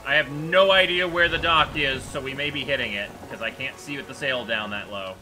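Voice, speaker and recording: A man's voice: medium pitch, fairly quick, music in the background, rough recording. A man chatting casually as he plays a game with friends. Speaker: gamer playing with friends. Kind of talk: casual gaming chat.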